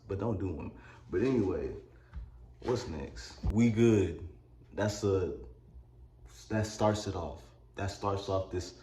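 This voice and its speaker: A man's voice: low voice, dark tone, reverberant, a little hiss or hum. A man with a Mississippi accent reviewing an album in a rambling, joking way with crude asides. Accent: Mississippi Southern US. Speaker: music reviewer. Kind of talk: comedic album review vlog.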